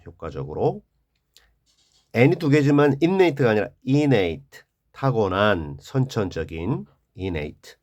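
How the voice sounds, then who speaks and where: Guy teaching english vocab, reads a word then explains it, really slow, pitch goes up and down a lot. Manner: reads each English word, then gives the Korean meaning; slow and drawn out, explaining stress and word forms. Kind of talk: vocabulary lesson.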